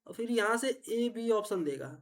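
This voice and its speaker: A woman teacher, patiently explaining reasoning puzzles step by step and often asking if it is clear. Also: a little high, animated, moderate pace. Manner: patient, repetitive, checks understanding often.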